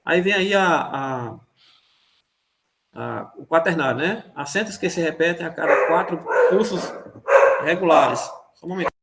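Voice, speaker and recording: A man with a fairly high voice teaches an online music class. He explains slowly and loosely, with many fillers, restarts and little checks on whether everyone follows. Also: gravelly, a bit bright.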